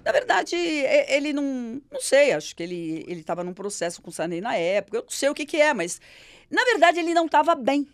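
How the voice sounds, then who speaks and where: A middle-aged woman with a Brazilian Portuguese accent tells stories in an interview, her high voice lively. She acts out the voices of the people she quotes. The sound is close and dry. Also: fast, no echo. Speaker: interview guest. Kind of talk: storytelling in an interview.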